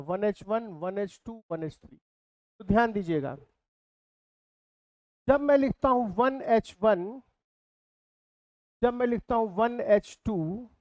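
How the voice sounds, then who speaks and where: A man's voice: high voice, dry recording. Guy teaching physics, keeps repeating terms and quizzing the class, kinda muffled dry audio. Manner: repeats key terms, asks the class questions. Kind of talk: classroom lecture.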